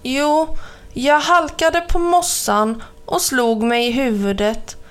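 A woman voicing a gentle, plaintive mother cow in a children's story, talking softly and a little slowly. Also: high-pitched, steady tone, clean tone, close to an everyday voice.

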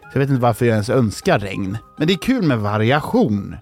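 A man's voice: medium pitch, big pitch swings, soft background music. A man hosts a children's bedtime show. He rambles playfully, tells jokes and corrects himself. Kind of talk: playful storytelling and joke-telling.

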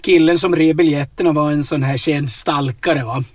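A man with a somewhat high, husky voice tells absurd stories in a rambling, deadpan way. He keeps checking in with a quick questioning tag. He talks from inside a car. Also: no room sound. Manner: rambling, tags lines with "va?". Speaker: comedic storyteller. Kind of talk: deadpan absurd comedy chat.

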